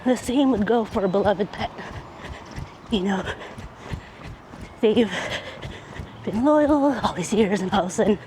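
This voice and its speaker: A person talking in halting phrases while running outdoors, recording a casual, reflective vlog monologue. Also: mid-range voice, a little mellow. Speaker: vlogger. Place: outdoors, on a run. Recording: clear outdoor noise, passing vehicles.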